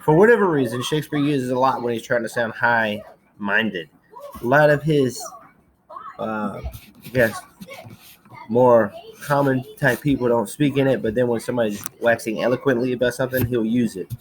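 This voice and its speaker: A woman's voice: very deep voice, moderate pace, slight background noise, rough recording. A woman teacher giving a recorded slideshow lecture in a chatty manner, checking in often with "okay".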